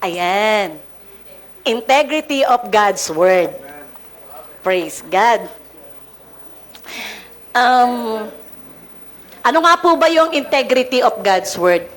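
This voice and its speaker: A woman's voice: a little high, expressive, drawn-out words, pauses often, fairly bright tone. A Filipino woman preaching with a cold, chatting and laughing through a casual story before her sermon. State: congested with a cold. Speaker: lay preacher.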